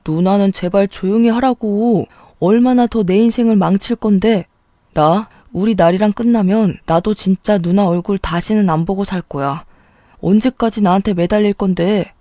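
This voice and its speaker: A woman's voice: mid-range voice, normal speed, mellow, no room sound, clean studio sound, natural voice. A woman voicing a young husband who pleads through tears, in a narrated drama story. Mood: angry. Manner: pleading, tearful.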